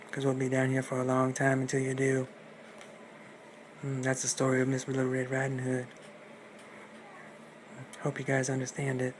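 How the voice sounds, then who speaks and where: A man's voice: medium pitch, darkish tone. A man telling a fairy tale in a casual, rambling, musing way, on a noisy recording. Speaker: storyteller. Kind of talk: casual improvised storytelling.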